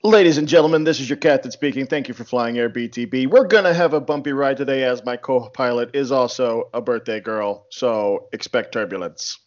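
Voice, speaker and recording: A man voicing a male airline pilot making a mock-official cabin announcement, delivering the jokes deadpan. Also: medium pitch, brisk, few pauses, muffled recording, natural voice. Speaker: co-host, birthday guest.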